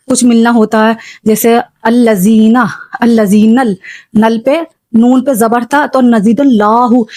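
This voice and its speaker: A woman giving a spoken lesson on Quran recitation, patiently explaining and repeating examples slowly. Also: a little high, a little mellow, no echo. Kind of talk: spoken religious lesson for beginners.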